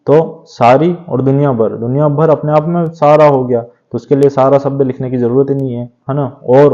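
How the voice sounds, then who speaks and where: Guy teaching a grammar revision class, steady explainer, warm mellow voice, kinda muffled lo-fi audio. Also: medium pitch. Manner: steady explanatory tone with frequent tag question "है ना". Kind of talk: exam revision lecture. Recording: dull lo-fi sound.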